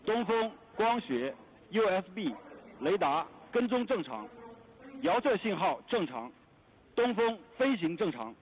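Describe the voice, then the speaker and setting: A man's voice: high-pitched, sing-song, a little slow, long pauses, muffled recording. A man working as a launch control dispatcher, giving clipped, formal mission control radio callouts. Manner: clipped formal procedural announcements.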